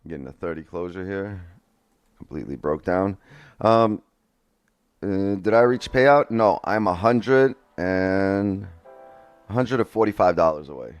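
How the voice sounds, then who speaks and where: His voice sits low and unhurried, with long pauses, and the recording is dry apart from faint music. A day trading streamer, he talks through trades live on a headset mic, chatting loosely and profanely with his viewers.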